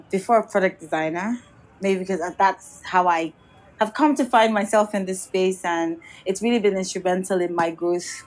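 A Nigerian woman with a Yoruba accent, a guest architect and designer, answers interview questions reflectively at a middling pitch. Her speech is measured and thoughtful, with occasional light laughs, and she often circles back with restarts and "you know".

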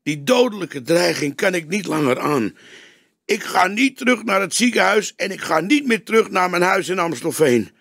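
Man doing a terrified journalist, high strained voice, gravelly edge, audiobook. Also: sing-song, normal speed, fairly bright tone, dry recording, clean studio sound, full character voice. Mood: anxious. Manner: high-pitched, pleading, panicky. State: sobbing. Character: frightened middle-aged male journalist, nervous.

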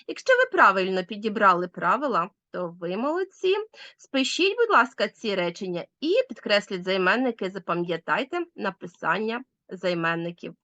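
A woman teacher giving a recorded grammar lesson, speaking clearly and stressing words with care. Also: mid-range voice, a bit bright, no room sound, lo-fi sound.

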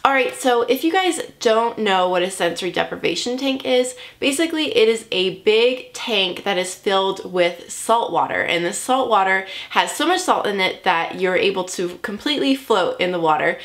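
A woman's voice: medium pitch, fairly bright tone. A young woman vlogging casually to camera, upbeat and bubbly, her voice slightly nasal from a cold. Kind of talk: casual vlog talk to camera.

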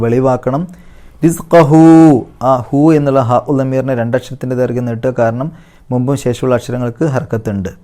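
A man leads a tajweed lesson on recitation rules. He chants each short phrase slowly at a raised pitch, then drops into a lower, softer voice to explain the rule. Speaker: Quran recitation teacher.

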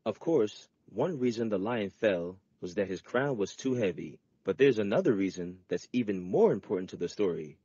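A man's voice: lowish voice, lively intonation, moderate pace, few pauses, mellow, husky, no echo, dull audio. A man giving patient, scripted narration in an educational reading lesson. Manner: patient, instructive.

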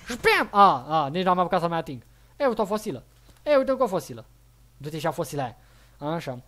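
A young man with a high voice streams a game live, loudly cheering his own moves and jeering at opponents in quick, excitable bursts. His commentary is casual and full of exclamations, and a faint noise runs beneath it. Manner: loud, excitable, frequent exclamations and playful taunts. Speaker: gaming livestreamer.

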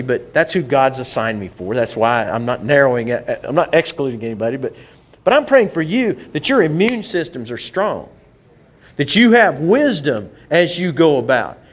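A male pastor, preaching a conversational sermon to his church, often restarting and repeating words as he goes. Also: a little high.

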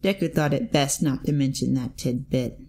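A woman narrating a fanfic audiobook in a steady, even reading voice. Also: extremely low pitch, moderate pace, husky. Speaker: fanfic reader.

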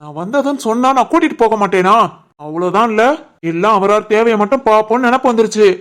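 A woman voicing a young husband and son in an animated family drama, scolding and stern, with a Tirunelveli Tamil accent. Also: medium pitch, fast, close to an everyday voice. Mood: angry. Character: young husband and son, short-tempered man.

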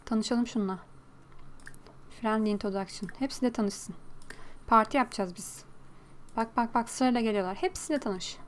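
A woman talks through her gameplay in a chatty, teasing way, quick to react to what she sees. Her voice sits fairly high. A faint noise floor runs under the recording. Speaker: gaming video creator. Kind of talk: casual gameplay commentary.

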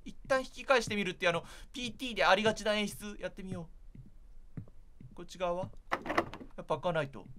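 A man's voice: high voice, fast, long pauses, noisy background. A man doing casual, chatty gameplay commentary for viewers, sounding jittery as he goes. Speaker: gaming streamer.

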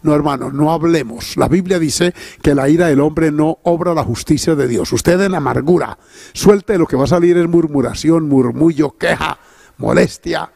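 A man's voice: a little high, normal speed, vocal fry, a little mellow, dry recording, clean studio sound. A man preaching a sermon as pastor, emphatic and punctuated with cries of praise. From Colombia.

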